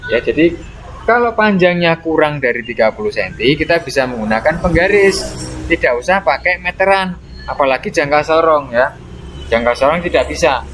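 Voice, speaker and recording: A man's voice: a little high, expressive, moderate pace, fairly bright tone, a little hiss or hum. A man explaining a primary-school lesson to young children, patiently and with frequent "nah" and "ya" tags. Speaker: teacher.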